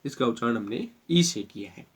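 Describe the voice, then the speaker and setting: A man with an Indian accent teaching a spelling rule in a slow classroom explanation, repeating words and spelling them out letter by letter. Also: mid-range voice, animated, husky.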